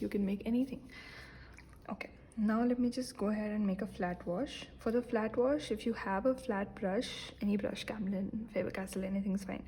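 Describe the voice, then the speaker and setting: A young woman giving a relaxed painting lesson, chatty and self-deprecating, with many fillers and soft whispered asides. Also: medium pitch, a little hiss or hum, low-quality recording. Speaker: art teacher. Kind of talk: casual painting tutorial.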